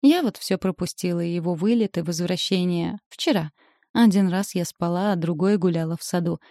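An excitable young lady who chatters and gossips without pause, as a woman narrator puts her on. Her voice lifts higher and louder than the narration around it. The audiobook recording is dry and close. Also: no room sound, close to an everyday voice. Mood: gossipy.

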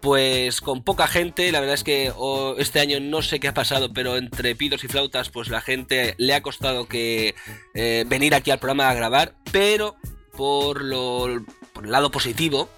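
A man with an accent from Spain and a hoarse, rough whiskey voice, hosting a casual video game podcast. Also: mid-range voice, normal speed, pushed and bright, faint music behind. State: hoarse after holiday partying and drinking. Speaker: podcast host.

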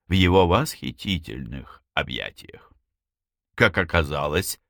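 A man reading a novel aloud as an audiobook narrator, in an expressive storytelling manner. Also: fairly low pitch, no echo, studio quality. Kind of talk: scripted narration.

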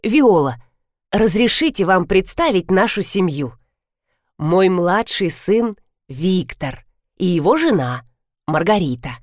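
A woman's voice: on the low side, big pitch swings, slow, no room sound, clean studio sound. A woman reading an audiobook, voicing a fussy, gushing elderly lady who heads her family. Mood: fussing. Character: elderly lady, soft-hearted matriarch, fussy. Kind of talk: audiobook character voice.

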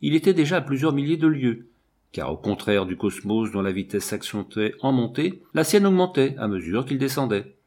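A man reading a first-person novel aloud as an audiobook narrator, in an expressive storytelling way. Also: medium pitch, moderate pace.

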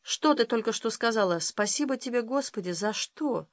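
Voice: medium pitch, lively intonation, moderate pace, dry recording, studio quality, lightly acted. A reader doing a worried young fiancé.

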